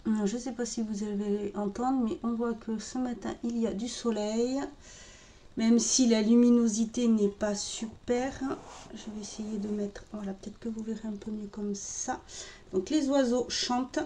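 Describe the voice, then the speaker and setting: A woman narrating a makeup tutorial in a calm, step-by-step way while she works. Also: on the high side, normal speed. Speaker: makeup vlogger. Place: home room with birdsong outside.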